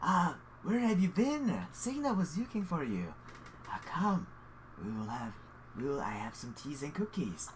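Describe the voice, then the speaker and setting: A woman voicing a flustered male tiefling librarian and father who talks in a hesitant, fumbling way, with some soft near-whispered stretches. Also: sits low, very animated, measured pace, a little hiss or hum. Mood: welcoming.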